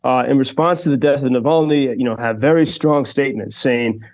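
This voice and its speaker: A radio correspondent in Kyiv reports live in a medium-pitched, darkish voice, speaking briskly. He's thoughtful, but uses plenty of fillers and restarts.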